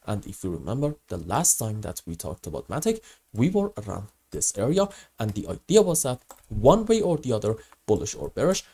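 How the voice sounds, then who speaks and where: A man hosts a market chart commentary in a hoarse, grating voice roughened by a cold. His tone stays dark and mellow, while his pitch swings widely as he stresses key words and answers his own questions. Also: wildly swooping pitch, fairly quick. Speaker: host of a crypto market analysis channel.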